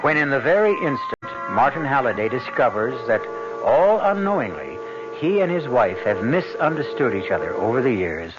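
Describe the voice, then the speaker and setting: A man's voice: mid-range voice, sing-song. Man narrating over old AM radio. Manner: measured, deliberate, reflective. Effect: old AM radio broadcast sound. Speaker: host narrator. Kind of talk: scripted radio drama narration. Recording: dull lo-fi AM radio broadcast with music.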